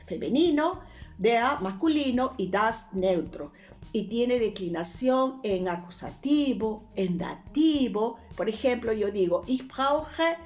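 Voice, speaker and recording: Slow-paced woman teaching. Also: on the high side. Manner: unhurried, explains patiently with many examples. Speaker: language teacher. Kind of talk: casual video lesson.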